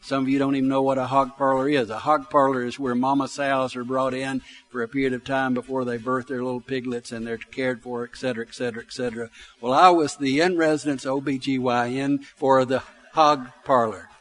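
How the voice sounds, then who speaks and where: Preaching conversationally, an Alabama pastor in his sixties uses his Southern accent and personal stories, leaning on repeated phrases for emphasis in a folksy manner. His mid-range voice keeps a level tone at a fairly quick clip.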